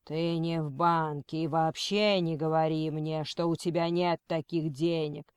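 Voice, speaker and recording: A woman voicing a cold male kidnapper who threatens slowly and quotes scripture. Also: low-pitched, steady tone, a little mellow, clean tone, no room sound, clean studio sound. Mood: menacing. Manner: slow, menacing, preachy.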